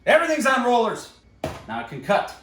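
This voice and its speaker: This radio morning show host walks viewers through a hands-on DIY project in casual, folksy, wry tutorial narration, with clear music playing underneath. His voice is extremely high with wildly swooping pitch, fairly quick, and the audio is very noisy.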